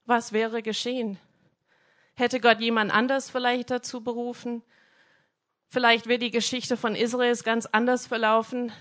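A woman gives a casual devotional talk, retelling Bible stories in lively, colloquial speech. Her voice sits somewhat high. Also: moderate pace. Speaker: preacher.

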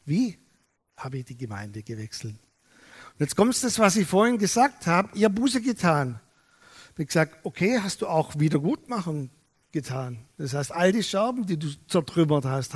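A man preaching a sermon, telling stories lively and acting out the dialogue. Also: a little high, breathy edge, long reverb tail. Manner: lively storytelling, acts out dialogue. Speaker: pastor.

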